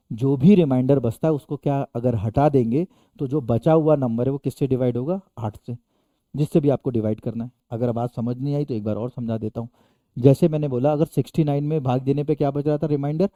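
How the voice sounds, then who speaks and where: A man's voice: mid-range voice, fairly quick, mellow, no echo. A man teaching a maths lesson to students, asking them questions and answering them himself, and calling them children. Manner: addresses students fondly as children; emphatic rises when stressing a point. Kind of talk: classroom-style maths lesson.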